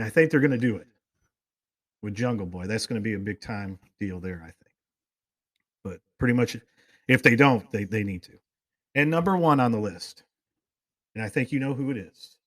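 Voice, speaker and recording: His voice sits on the low side, moving at normal speed but pausing often, as he hosts a casual talk show full of meandering, enthusiastic fan tales. The audio is dry and studio quality.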